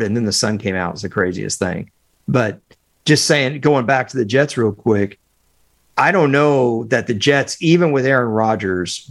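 A man co-hosting a sports betting podcast over a remote call, talking in animated, opinionated bursts with many fillers. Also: fairly low pitch. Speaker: podcast co-host, football analyst. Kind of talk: casual sports podcast chat.

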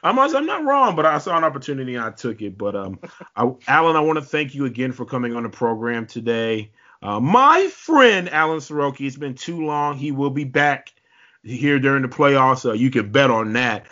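Male podcast host, relaxed and casual, lo-fi sound. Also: mid-range voice, brisk. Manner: laid-back, self-deprecating, with filler words. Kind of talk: casual sports podcast chat. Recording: slightly dull lo-fi audio.

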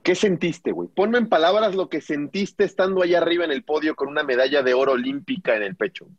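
Mexican host, dull dry sound. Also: male voice, a little high, no room sound. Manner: slangy, friendly, asks drawn-out questions. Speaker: podcast host. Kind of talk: casual interview chat.

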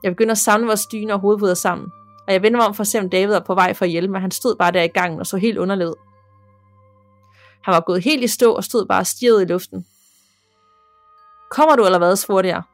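A woman narrates a listener's spooky story for a podcast, steady and measured. Her voice sits at a middle pitch, recorded close and dry, with faint music beneath. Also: no room sound. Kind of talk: scripted narration of a ghost story.

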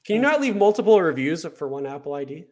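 A man's voice: on the high side, sing-song, fast talker, a little mellow. A man in his thirties co-hosting a podcast, chatting informally and self-deprecatingly. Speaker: podcast co-host. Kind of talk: casual chat.

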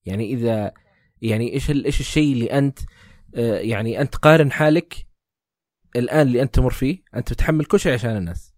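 A man hosts the conversation, thinking aloud with frequent stops and restarts. His pitch is average and his pace brisk. The sound is dry and close. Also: darkish tone, no room sound. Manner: hesitant, many fillers and restarts. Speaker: podcast host. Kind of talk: reflective conversation.

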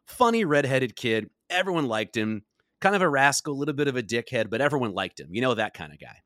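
A man's voice: medium pitch, sing-song, fast talker, fairly bright tone, dry recording, clean studio sound. A young adult man co-hosting a podcast, telling a story in a casual chat with lots of laughs. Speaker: podcast co-host.

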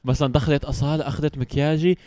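Fast-talking man, teasing, dry sound. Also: fairly high pitch, steady tone, dark tone, dry recording. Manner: teasing, quick interjections, presses for answers. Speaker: podcast co-host. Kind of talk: casual chat.

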